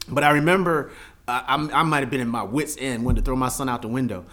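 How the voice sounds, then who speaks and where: A man from the Philadelphia area, a podcast guest telling stories in casual chat, animated and bursting into loud excited exclamations. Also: medium pitch, fast.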